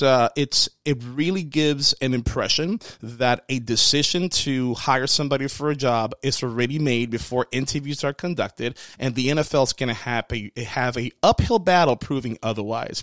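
A man's voice: mid-range voice, a bit bright, no room sound, clean studio sound. A man hosting a casual commentary with practical tips, speaking earnestly to his listeners and repeating phrases for stress. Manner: conversational, addresses listeners directly as folks. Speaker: host giving workplace hiring advice.

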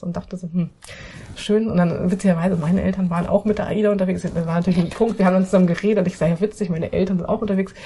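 A woman photographer telling an interview story in lively conversation, acting out her own thoughts with many restarts. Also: lowish voice, breathy edge.

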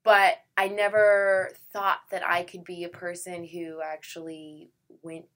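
A woman's voice: lowish voice, little pitch movement, a little slow, a bit bright. A young adult actress, chatty and full of filler words, who acts out her own past thoughts while telling her story in an interview. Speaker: actress guest. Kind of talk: casual conversational interview.

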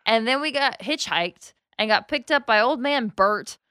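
Brief: easygoing woman storyteller, clear smooth voice, close dry sound. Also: fairly high pitch, normal speed, no room sound. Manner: relaxed storyteller, laughs at her own stories. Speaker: friend telling stories. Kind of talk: casual chat.

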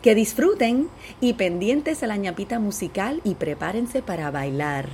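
A woman's voice: mid-range voice, expressive, a little slow, darkish tone, a little hiss or hum. A woman with a Puerto Rican accent hosting a podcast, speaking in an upbeat, chatty way in a personal monologue. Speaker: podcast host.

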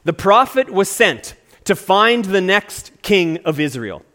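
High-voiced, animated male preacher. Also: slow pace. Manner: earnest, preaching with emphatic stresses. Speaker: pastor. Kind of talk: sermon.

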